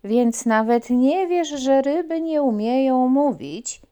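A woman's voice: sits high, expressive, slow, warm tone, clean tone, voice pushed up. A woman voicing a cheeky little frog in a children's story, teasing and chuckling.

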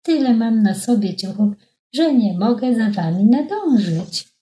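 A woman's voice: a little high, very animated, measured pace, warm tone, pitched above the performer's own voice. A woman doing a plaintive hapless stork. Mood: pleading. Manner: plaintive, complaining. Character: hapless hungry male stork. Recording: echoey room.

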